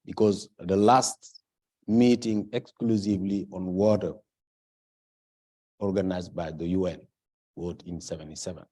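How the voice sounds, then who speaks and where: A man from Senegal speaking on a conference panel, halting at times as he searches for words and stressing his key points. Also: sits low, steady tone, warm tone.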